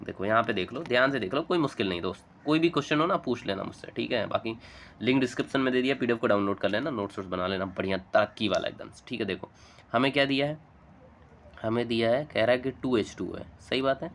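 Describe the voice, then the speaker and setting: A man teaching a chemistry lesson, talking fast and chatty, coaxing students along with frequent checks. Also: mid-range voice, a bit bright, slight background noise. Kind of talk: chalk-talk chemistry lesson.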